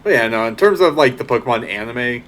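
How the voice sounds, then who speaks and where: Male co-player on voice chat, laid-back, filler-heavy, mid-pitched. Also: expressive, fast talker, a bit bright. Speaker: co-player on a stream. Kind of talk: casual chat while gaming.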